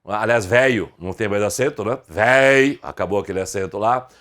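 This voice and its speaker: A middle-aged Brazilian man teaching an online grammar lesson, slow and deliberate, asking his viewers question after question. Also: lowish voice, fairly bright tone.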